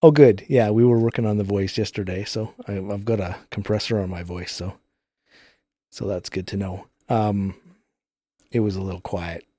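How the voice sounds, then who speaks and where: Male game streamer, casual chatty delivery, heavily compressed studio vocal, lowish dark tone with no room sound. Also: steady tone, normal speed, no room sound. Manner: chatty, rambling explanations with filler words. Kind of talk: casual live gameplay commentary. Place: recording studio. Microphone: two studio microphones.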